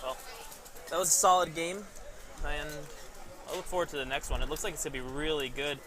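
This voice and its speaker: A man's voice: on the high side, fairly even intonation, a little fast. A man casually commentating a live paintball webcast outdoors, chatty and rambling, laughing at himself. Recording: outdoor background noise.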